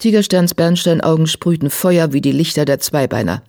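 An audiobook narrator reading a story in an even, measured way. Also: medium pitch.

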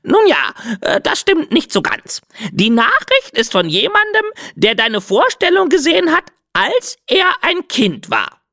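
A woman voicing a vain, theatrical female red bird messenger with a shrill, drawn-out voice in an audiobook. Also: wildly swooping pitch, sharp tone, no room sound, clean studio sound, heavily acted. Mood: self-important. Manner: drawn-out, self-pitying. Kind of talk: audiobook character voice.

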